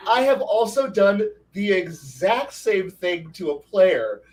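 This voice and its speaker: A man with a high voice spins animated, profane stories about brutal moments at his gaming table. He talks at some distance from the microphone, so the sound is a little remote. His storytelling dwells on gory detail in a relaxed panel chat. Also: slow pace. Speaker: game master on a discussion panel. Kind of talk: casual panel discussion.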